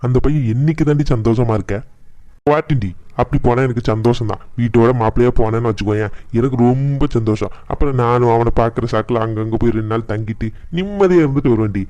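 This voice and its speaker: A man acts out an exasperated middle-aged husband in a Tamil cartoon drama. His voice is dark and mellow, in a dry recording. He grumbles and taunts bluntly. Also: mid-range voice, fast talker, no room sound, close to an everyday voice. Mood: taunting, exasperated. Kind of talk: colloquial family cartoon drama dialogue.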